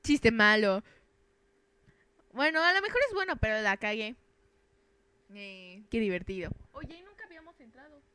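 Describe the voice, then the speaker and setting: A woman's voice: on the high side, expressive, normal speed, pauses often, pushed and bright, clean tone. A young woman, joking and rambling in a self-mocking, crude way while commenting on a game. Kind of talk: casual gameplay commentary.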